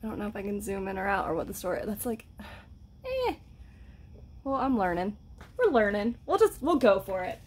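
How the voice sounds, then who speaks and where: A woman's voice: mid-range voice, animated, fast talker, darkish tone, slight background noise. A woman chatting casually to camera while painting, giggly and self-mocking. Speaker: vlogger. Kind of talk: casual home vlog.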